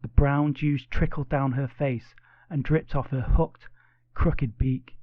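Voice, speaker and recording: A man narrating a children's audiobook with expressive, playful storytelling. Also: mid-range voice, slow pace, dry recording, phone-quality sound.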